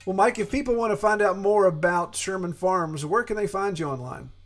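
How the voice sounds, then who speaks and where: A man's voice: sits high, a little fast. A man with an Appalachian drawl, talking casually and in a folksy, self-deprecating way as a podcast host. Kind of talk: casual, conversational podcast monologue.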